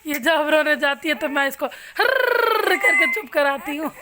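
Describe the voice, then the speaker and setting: A young woman narrating a family vlog as a new mother, coaxing her baby with soft baby talk. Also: sits high, expressive, measured pace, heavy background noise.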